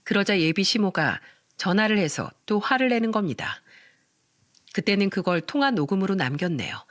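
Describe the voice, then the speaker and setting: A woman narrates a first-person story in a steady, plain voice. Her pitch sits at an ordinary middle level, and her delivery stays even. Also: moderate pace, no room sound, studio quality.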